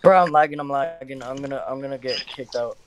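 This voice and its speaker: A man's voice: mid-range voice, fast talker, crowd noise. A young man talking like a hyped gamer bro in casual voice chat, barking bossy, slangy, sweary callouts. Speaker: online gamer, raid caller. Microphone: gaming voice chat microphone. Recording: noisy voice chat, mouse clicks.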